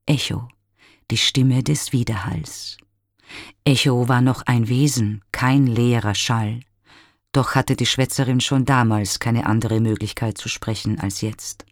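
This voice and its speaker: A man giving a measured, expressive scripted narration of a classical myth. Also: medium pitch, dry recording, clean studio sound.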